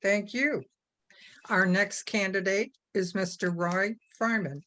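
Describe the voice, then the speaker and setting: A woman moderating a candidate forum, laying out rules and introducing speakers in a measured way. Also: mid-range voice, steady tone, fairly bright tone, a little hiss or hum. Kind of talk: formal moderating.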